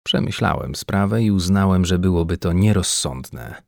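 A man voicing a calm, scheming male official in a science-fiction audiobook, speaking in a quiet, soothing, restrained way. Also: deep voice, normal speed, vocal fry, dry recording, clean studio sound. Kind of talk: audiobook character voice.

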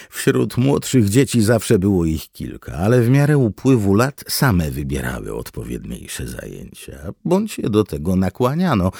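A man giving expressive, scripted audiobook narration. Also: sits low, husky, no room sound, clean studio sound. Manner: expressive storytelling with wide swings.

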